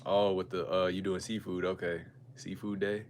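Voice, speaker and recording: Low-voiced American man chatting casually. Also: level tone, normal speed. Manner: slangy, musing, conversational. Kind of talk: casual livestream chat, reading and answering viewer comments. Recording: clear background noise and ambience.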